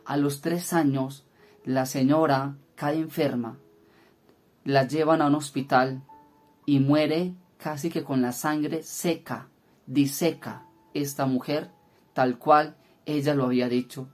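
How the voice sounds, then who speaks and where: A man's voice: fairly high pitch, fairly even intonation, slow, darkish tone. Earnest man telling a prayer testimony. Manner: earnest storytelling, hesitant "eh" fillers. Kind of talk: spoken testimony teaching.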